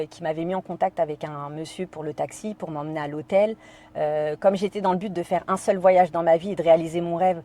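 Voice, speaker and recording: Low, mellow French woman telling her story. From France. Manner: hesitant, many fillers, quotes her own inner thoughts. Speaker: podcast guest. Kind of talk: personal storytelling in conversation.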